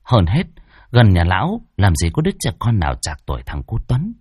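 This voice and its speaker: A man's voice: lowish voice, huge pitch swings, brisk, a little mellow, husky, no room sound, clean studio sound. A man narrating a horror story in a dramatic, ominous way.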